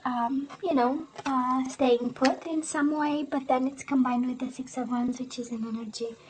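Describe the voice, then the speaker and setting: Hoarse woman doing a tarot reading. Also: high-pitched, fairly even intonation, slow, dark tone, poor audio. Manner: clears throat often, tags sentences with "right?". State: losing her voice, hoarse. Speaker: tarot reader. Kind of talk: casual tarot reading to camera.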